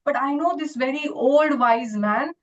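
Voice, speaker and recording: A seasoned wave in a spoken parable, raised high and fumbling for words as she admits she does not know, as a woman puts her on. The recording is dull and muffled. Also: a little slow, recorded from a distance. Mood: puzzled. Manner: hesitant and fumbling. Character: puzzled experienced female wave who does not know.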